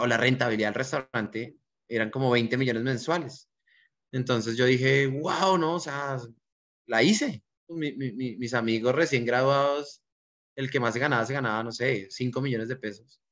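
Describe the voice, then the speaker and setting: This restaurant owner, who has a Colombian accent, reflects earnestly on his life story during an interview. He has a mid-range, slightly bright voice with a steady tone and normal speed, heard through a dull lo-fi recording.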